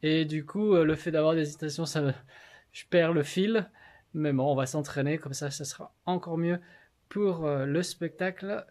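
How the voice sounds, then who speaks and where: A man chats casually to the camera about rehearsing a play. He speaks in a relaxed, hesitant way and pauses often. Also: on the high side. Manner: relaxed, hesitant, full of fillers. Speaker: vlogger and amateur actor. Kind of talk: casual vlog talk.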